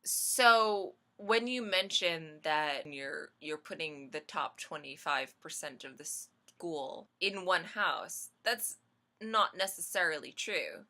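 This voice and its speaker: A woman's voice: low-pitched, lively intonation, takes it slowly, bright, forceful tone. A woman in a casual barstool debate over drinks, making emphatic, argumentative rebuttals.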